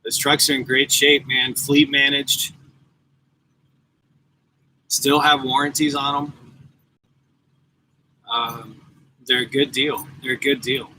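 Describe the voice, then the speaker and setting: Chatty forty-something trucker, bright voice. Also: male voice, mid-range voice, flat delivery, slow pace, pauses often, slight background noise, poor audio. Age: 40s. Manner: rambling, chatty, addresses viewers directly. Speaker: truck driver and YouTuber. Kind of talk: casual live-stream chat. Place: parked truck at a trucking yard. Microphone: laptop mic.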